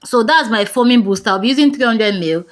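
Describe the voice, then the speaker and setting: A woman with a Nigerian accent giving a brisk, chatty soap-making tutorial and talking straight to her viewers. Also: on the high side, expressive. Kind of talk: casual tutorial talk.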